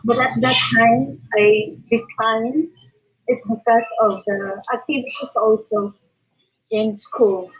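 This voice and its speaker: A hoarse woman with a Filipino accent, a teacher sharing her experience on a video call, speaking haltingly with many fillers. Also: fairly high pitch, fairly even intonation. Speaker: teacher sharing in an online course. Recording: dull lo-fi video call audio.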